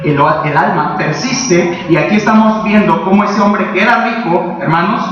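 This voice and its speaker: This man, from Mexico, is a pastor preaching a sermon in a high-pitched, slightly bright voice at a moderate pace. He is emphatic and keeps throwing rhetorical questions at the congregation. The recording sounds echoey, distant and dull.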